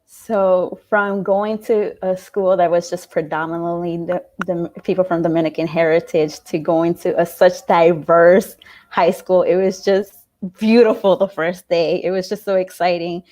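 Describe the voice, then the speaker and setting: A woman in her late twenties from New York City, talking in a casual interview about her school days, thoughtful, with frequent fillers and soft laughs. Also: fairly low pitch, steady tone, a little slow. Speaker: interview guest, alumna.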